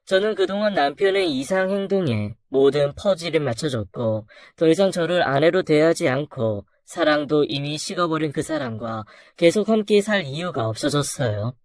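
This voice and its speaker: A narrator telling a dramatic first-person story about a deceitful husband in a low, measured voice. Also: animated, no room sound, clean studio sound.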